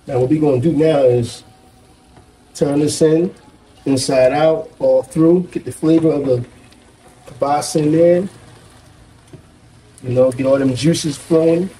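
A man's voice: on the high side, a little slow, pauses often, dark tone, slight background noise, rough recording. A man in his forties giving a casual cooking demonstration in a home kitchen, chatty and explaining each step, on a lapel mic. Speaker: guest cook.

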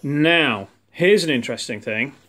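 This man's voice is medium-pitched, animated and a bit bright, and he talks at a measured pace. He's doing an informal science experiment for children in his living room, cheering them on playfully, while a handheld phone behind the camera records him.

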